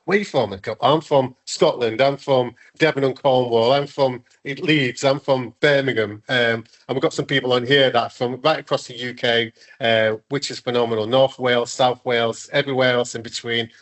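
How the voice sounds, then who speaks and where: A man's voice: medium pitch, fairly even intonation, normal speed, few pauses. Enthusiastic man hosting a webinar. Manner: warm, enthusiastic, frequent restarts and fillers. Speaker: webinar host and awards founder. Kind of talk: casual webinar chat. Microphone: video call.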